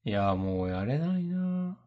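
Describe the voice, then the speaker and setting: A man co-hosting a podcast in casual chat, quick to answer and laugh along. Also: medium pitch, big pitch swings, dull audio. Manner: quick back-channel replies, laughs along. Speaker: podcast co-host.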